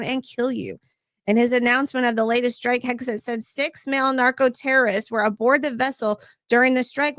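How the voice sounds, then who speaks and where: A woman's voice: fairly high pitch, fairly bright tone, dry recording, clean studio sound. A woman hosting a livestream, reading news stories aloud and adding sarcastic asides for her chat. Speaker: host.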